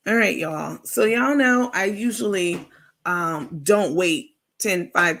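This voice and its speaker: Reading out viewers' comments and chatting informally, a livestream host keeps things casual in a raspy voice. She's a woman with a fairly low pitch and a slightly bright tone.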